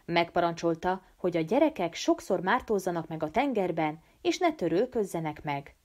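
A woman reading a novel aloud as an audiobook, with an animated, expressive delivery. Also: on the low side. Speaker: audiobook reader. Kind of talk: storybook narration.

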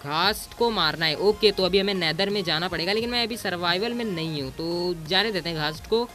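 A man's voice: high voice, brisk, pushed and bright. A man giving casual gameplay commentary as a gaming YouTuber, bossy and teasing, throwing in English exclamations.

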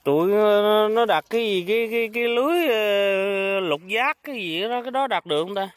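A vlogger speaking with a southern Vietnamese accent chats casually behind a handheld phone on a muddy pond bank while filming shrimp and snail catching, often repeating short phrases. His voice sits high and moves fairly quickly, recorded dry.

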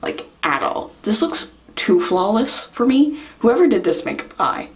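A woman's voice: mid-range voice, sing-song, a little slow. A young woman from Ireland chatting casually in a makeup vlog, rambling and self-deprecating with frequent giggles. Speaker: vlogger.

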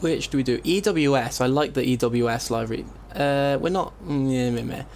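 Thinking aloud and rambling, this man hosts a let's play with casual commentary, frequently interrupting himself. He speaks at a moderate pace in a medium, darkish voice with vocal fry. The voice-over comes through a compressed desktop microphone, with keyboard clicks and faint room noise behind it.

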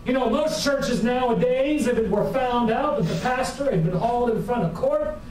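A man in his forties preaching a sermon to a congregation, with folksy, humorous and animated storytelling. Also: very high-pitched, normal speed, slight background noise. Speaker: pastor. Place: church sanctuary with a congregation. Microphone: far camera at the back of the room. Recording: very echoey church hall from far off.

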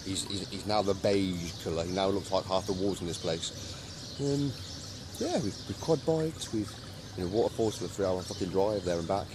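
A young man talks to a handheld camera on holiday, rambling, joking and swearing freely. His voice sits fairly low. The audio is noisy, with outdoor ambience behind him. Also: moderate pace. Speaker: vlogger filming a holiday with friends. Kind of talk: casual chat to camera. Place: holiday resort outdoors, later a car.

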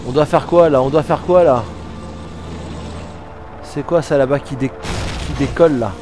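A man giving casual, excitable commentary while playing a war game, swearing and talking back to the game. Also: fairly high pitch, measured pace. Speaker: let's play gamer. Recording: game music under voice.

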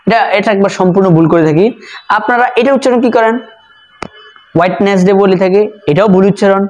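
A woman's voice: mid-range voice, a little mellow. Woman teaching pronunciation. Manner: repeats words slowly for drilling, explains step by step. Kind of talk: online pronunciation lesson.

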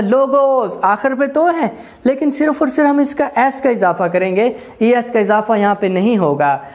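A woman teaching an English grammar lesson, explaining slowly, repeating herself and spelling words out letter by letter. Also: on the high side, a little mellow. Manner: slow, repetitive, spells out letters one by one.

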